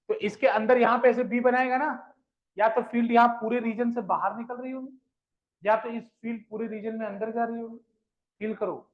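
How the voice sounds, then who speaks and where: A male physics teacher lecturing a live class, asking questions, repeating them, and coaxing his students along as children. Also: extremely high pitch. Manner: addresses students fondly as children. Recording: dull lo-fi sound.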